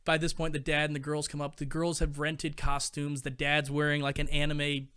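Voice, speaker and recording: A man's voice: a little high, monotone, moderate pace, pushed and bright, clear, resonant tone. A young adult man hosting a live stream, telling stories to his chat in a chatty, rambling way with lots of fillers. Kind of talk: casual storytelling to a live chat.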